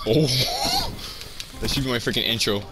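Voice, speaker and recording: A man's voice: mid-range voice, wildly swooping pitch, measured pace, heavy background noise. A young man hosting a gaming video, bantering and joking in a hyped, playful way over voice chat. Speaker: gaming channel host. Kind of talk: casual gameplay banter. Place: online game voice chat. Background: game music.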